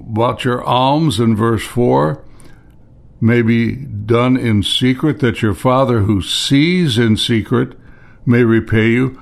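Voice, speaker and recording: An older man preaching a sermon, reading scripture slowly and measuredly, then adding plain asides. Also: mid-range voice, vocal fry.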